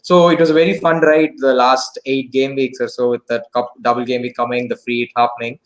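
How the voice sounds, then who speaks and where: Relaxed man chatting about his season. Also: medium pitch, brisk, low-quality recording. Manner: relaxed, with frequent fillers and "so". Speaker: fantasy football content creator. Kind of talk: casual online chat show.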